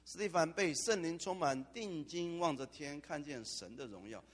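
Husky preaching man in echoey hall. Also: fairly high pitch, moderate pace. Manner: animated preaching with dramatic asides. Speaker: pastor. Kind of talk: sermon. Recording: long hall reverb.

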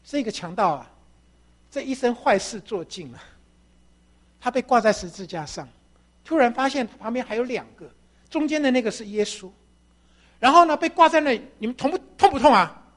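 Woman preacher delivering an animated sermon, pitch swinging widely, questions to the congregation, acts out the story's voices. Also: brisk, pauses often.

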